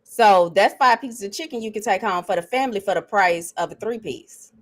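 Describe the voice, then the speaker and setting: A woman's voice: medium pitch, a little fast. A woman in her forties co-hosting a podcast, telling stories animatedly and laughing often. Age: 40s. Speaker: podcast co-host. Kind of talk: casual chat.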